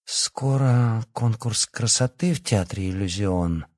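A man's voice: on the low side, slow pace, a little mellow, no room sound, studio quality. A man reading as a blunt young werewolf princess. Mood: earnest, forthright.

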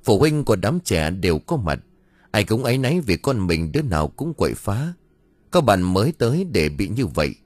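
A man narrating a story from a script, telling it in an expressive way. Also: on the low side, normal speed, breathy edge, dry recording. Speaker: audiobook narrator.

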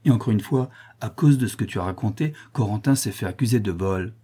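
A man's voice: on the low side, fairly quick, warm tone, slightly rough. A man voicing a shrewd man who scolds and coaxes a widow in an audiobook. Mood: scolding. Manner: scolding, coaxing.

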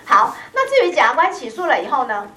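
Lively, fast-talking woman teacher. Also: high-pitched, far from the mic, slight background noise. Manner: chatty, teasing, lively, peppers speech with "hao" and "ha". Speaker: law exam prep teacher. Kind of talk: classroom lecture. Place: classroom.

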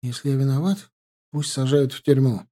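A man's voice: medium pitch, moderate pace, warm tone, close to an everyday voice. A man voicing a young soldier who speaks with bitter, resigned despair.

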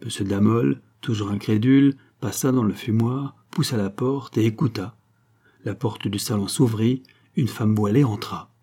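A man narrating a classic novel as an audiobook in a measured, steady reading. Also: lowish voice, husky.

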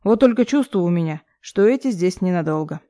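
A woman narrating a first-person novel in a measured, even reading. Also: fairly low pitch, dry recording, clean studio sound. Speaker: audiobook narrator.

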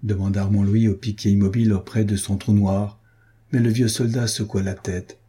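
Male audiobook narrator, low husky voice, steady reading. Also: moderate pace. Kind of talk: scripted narration.

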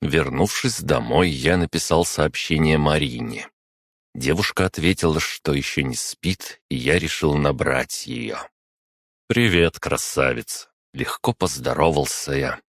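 A man narrating a first-person story in a calm, even storytelling manner. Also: a bass voice, measured pace, gravelly, dry recording. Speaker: audiobook narrator.

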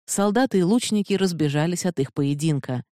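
An audiobook narrator reading a fantasy novel in a measured, steady way, close to the mic. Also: mid-range voice, dry recording.

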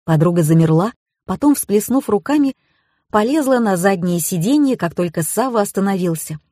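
A woman narrates a first-person audiobook with lively, ironic storytelling. Her voice is husky and mid-pitched, recorded dry and close with no room sound. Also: normal speed, dry recording.

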